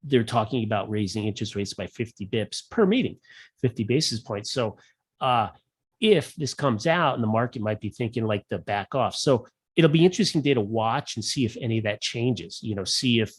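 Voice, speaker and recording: A man hosting a casual market commentary show, talking in a rambling, halting way with many fillers and restarts. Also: lowish voice, animated, slightly rough, dry recording.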